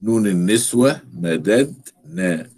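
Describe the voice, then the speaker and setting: Husky Egyptian man teaching grammar. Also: on the low side, lively intonation, darkish tone. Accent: Egyptian Arabic. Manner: explains step by step, repeats words slowly for stress. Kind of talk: recorded grammar lesson.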